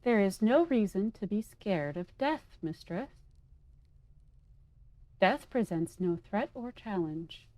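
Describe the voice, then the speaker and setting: A woman voicing a stiff robot servant in a flat, mechanical monotone while reading game dialogue aloud. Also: mid-range voice, slow, pauses often, no echo. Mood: deadpan.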